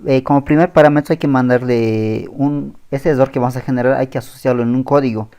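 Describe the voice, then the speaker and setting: A man teaching a screen-recorded coding tutorial, thinking aloud as he types, pausing and correcting himself. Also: mid-range voice, fairly even intonation, mellow, smooth. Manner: thinks aloud while typing, with pauses and self-corrections. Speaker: programming tutor.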